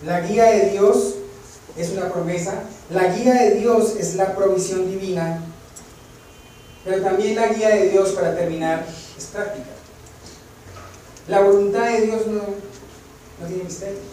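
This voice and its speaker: High-voiced preacher in an echoey hall. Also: male voice, unhurried, pauses often. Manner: storytelling, drops to soft near-whispers for emphasis; rises loud and emphatic when preaching. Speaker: pastor. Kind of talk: sermon. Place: church sanctuary. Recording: echoey hall from far off, noisy.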